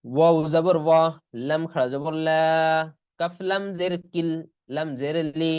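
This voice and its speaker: A man teaches an online Quran reading lesson in a fairly high, slightly mellow, clear and resonant voice with fairly even intonation, and the recording's highs are cut off. He goes slowly through each letter and vowel, then stretches out the whole word.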